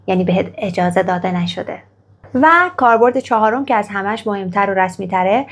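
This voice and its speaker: A woman teaching an English grammar lesson, with a gravelly edge to her voice. She pronounces example sentences slowly and deliberately, then explains them and encourages the listener after each practice line. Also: medium pitch. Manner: slow, careful model sentences in English, then Persian explanation; coaxing, praises the viewer after each exercise.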